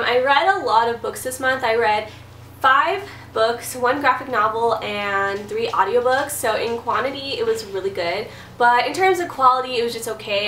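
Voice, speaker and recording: A young woman in her twenties, a book vlogger with a stuffy cold, talks casually about books from her bedroom, peppering her speech with "like" and "um." Her voice is a little high, bright, and forceful. The distant camera mic makes it roomy with a faint hiss.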